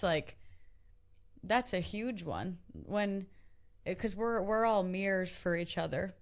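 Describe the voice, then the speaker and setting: A woman's voice: lowish voice, clear, resonant tone. A woman hosting a podcast, talking candidly and searching for words, with some casual swearing. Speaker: podcast host.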